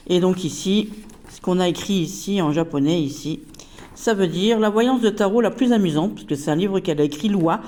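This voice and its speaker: Lady showing off a tarot deck, lots of euhs, soft mellow voice. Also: fairly low pitch. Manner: chatty, hesitant, many fillers. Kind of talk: casual product review.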